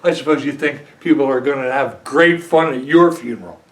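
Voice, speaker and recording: A man's voice: mid-range voice, a little fast, close to an everyday voice. An older man playing a defensive banker husband who insists that he is funny. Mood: offended. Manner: indignant, defensive. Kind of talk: film drama acting. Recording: roomy echo.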